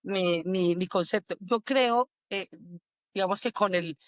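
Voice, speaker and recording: A middle-aged woman with a Colombian accent from Quindío tells her army stories in a warm, animated way, acting out the voices of other people as she goes. Her pitch sits in a middle range. The recording is close and dry, with no room sound. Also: a little slow, dry recording. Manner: animated, acts out quotes, sings la la. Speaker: army sergeant major, guest. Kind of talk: casual storytelling interview.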